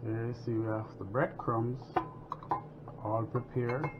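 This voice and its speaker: A man's voice: medium pitch, measured pace. Man chatting through a home cooking demo. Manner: relaxed, chatty, talks while working. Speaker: home cooking show host. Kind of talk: casual cooking tutorial. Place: home kitchen, indoors. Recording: dull lo-fi sound with kitchen noise.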